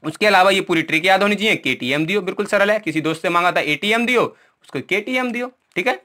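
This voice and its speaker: Talking fast in a high, bright, ringing voice, a male Hindi teacher runs an exam-prep lesson, pointing at what he has written as he explains memory tricks. He keeps saying "ठीक है", quizzes the class and answers his own questions, checking in after every point.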